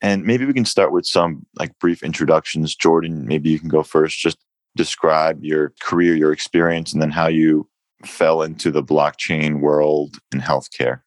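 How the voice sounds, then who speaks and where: A man's voice: rumbling low, fairly even intonation, moderate pace, no room sound. A man hosting an interview, introducing guests and giving friendly, brief prompts. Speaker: podcast host.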